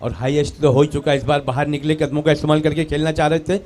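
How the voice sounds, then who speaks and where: A man's voice: on the high side, flat delivery, fast. A man with an Indian accent giving live commentary at a local cricket match and calling out to players over the PA. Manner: calls out to players and crew over the loudspeaker. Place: outdoor local cricket ground.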